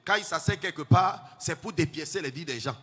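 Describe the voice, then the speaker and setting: A man's voice: a little high, lively intonation, fairly quick, husky. Sing-song preaching man, echoing church hall. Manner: chanting, sing-song preaching that swells to shouts. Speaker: pastor. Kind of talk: sermon. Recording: long hall reverb, faint music.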